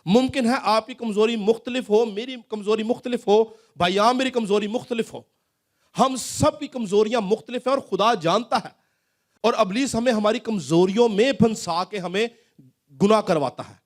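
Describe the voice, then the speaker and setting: A male pastor preaching a sermon in a church hall, asking rising questions and then dropping his voice low.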